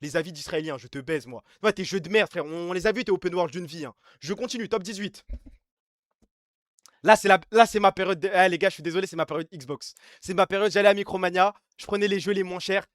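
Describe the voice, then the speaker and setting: A man's voice: high-pitched, fast, a bit bright, dry recording, studio quality. A man from France streaming live, chatting casually and bluntly in slang while ranking his favorite games.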